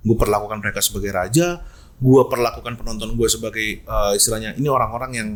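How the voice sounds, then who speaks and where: On a casual podcast, a man who hosts esports events spins stories in a Jakarta slang accent, his voice on the low side and fast. He animatedly acts out each quoted line.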